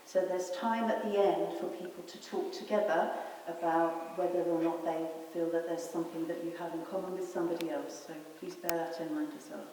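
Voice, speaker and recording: A woman's voice: fairly low pitch, steady tone, brisk, mellow. A woman chairing a public meeting, casually explaining the plan and background to the audience. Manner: chatty, informal, explaining. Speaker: event chair. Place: meeting room. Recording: echoey hall, distant mic, hiss.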